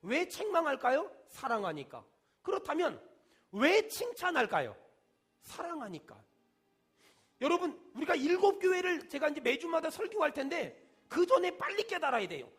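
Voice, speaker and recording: A man, a senior pastor, preaching a sermon with emphatic call-and-response and shouted peaks. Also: very high-pitched, big pitch swings, brisk.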